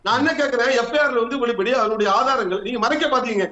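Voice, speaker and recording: High-pitched, forceful man arguing fast. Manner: forceful, insistent, repeats himself. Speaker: party spokesman on a TV debate panel. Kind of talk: heated TV debate. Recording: echoey, slightly dull audio.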